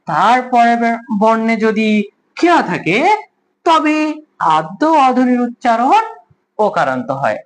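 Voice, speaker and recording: A man teaching a class, who asks his students questions and then repeats each answer slowly. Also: extremely high pitch, a little hiss or hum, rough recording. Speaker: language teacher. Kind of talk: online class lesson.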